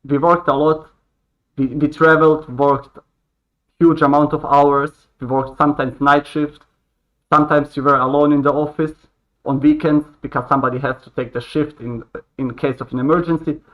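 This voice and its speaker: A man in his late twenties, raised in Croatia, speaks as a podcast guest in a fairly high voice. He talks earnestly and haltingly, often starting sentences over, and the audio comes through dull and lo-fi. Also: level tone. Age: 20s. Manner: earnest, halting, with frequent restarts. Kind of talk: casual conversation. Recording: dull lo-fi sound.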